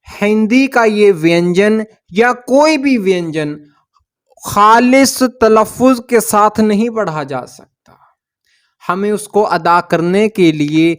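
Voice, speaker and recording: A man teaching a language lesson, patiently explaining and drawing out sounds. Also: sits high. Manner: patient, drawn-out demonstration of sounds.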